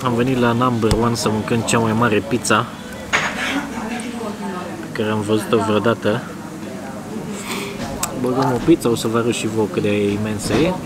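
A man's voice: fairly low pitch, fairly even intonation, pauses often, over a noisy crowd. A man in his thirties from Romania, vlogging to a camera held at arm's length, chatty and rambling with restarts as he talks to viewers. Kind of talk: casual car vlog to camera. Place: outdoors by garages, car and restaurant. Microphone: phone or camera held at arm's length.

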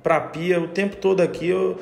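A man's voice: high voice, fairly even intonation, moderate pace, gravelly, a little mellow, roomy sound. A man voicing a frightened housekeeper who stammers as she pleads to keep her job. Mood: pleading.

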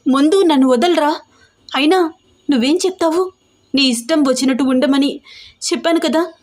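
Lady doing an angry young woman telling off her guy, snappy scolding, kinda high. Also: normal speed, close to an everyday voice. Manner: scolding, sharp. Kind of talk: audio story character reading.

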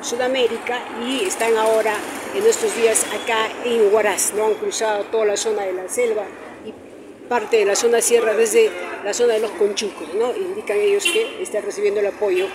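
A woman's voice: medium pitch, steady tone, moderate pace. A woman reporter, talking conversationally as she reports outdoors from a town square into a camera mic, with tag questions. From Peru. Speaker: street reporter. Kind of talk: on-the-street news report. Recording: noisy street recording.

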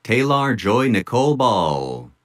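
A man announcing graduates' names at an outdoor commencement ceremony, in a measured, deliberate manner. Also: mid-range voice, sing-song. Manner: measured, deliberate name-reading. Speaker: commencement name reader. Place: outdoor tent stage at a graduation.

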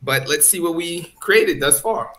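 A man explaining a recycled art project to children, in a friendly, gently hesitant way. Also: a little high, measured pace. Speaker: art segment guest. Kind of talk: casual explaining to kids.

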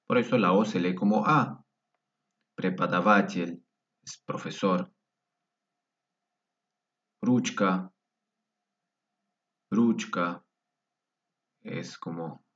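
A man's voice: low-pitched, fairly bright tone. A man teaching a vocabulary lesson, patiently repeating each word several times. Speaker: language teacher. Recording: dull, distant mic.

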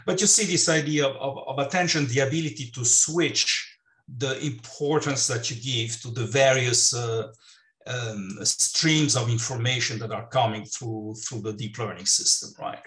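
An older man giving a keynote lecture over slides on a video call, talking in halting phrases with many restarts and fillers. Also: medium pitch, fairly bright tone. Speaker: keynote speaker. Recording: roomy, distant mic.

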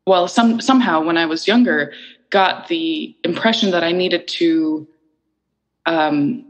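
A woman's voice: on the low side, low-quality recording. A middle-aged woman from Iceland, an interview guest talking thoughtfully and searching for her words. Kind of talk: reflective conversational interview.

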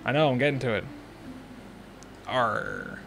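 A man's voice: medium pitch, moderate pace, over music. A young man hosting a let's play, thinking aloud in casual, chatty commentary.

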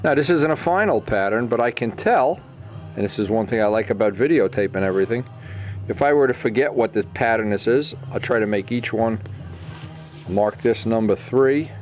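Working informally at an indoor workbench, a middle-aged man teaches model airplane building through short, explanatory, thinking-aloud remarks. His lowish voice is expressive and a little mellow at normal speed, with faint music behind.

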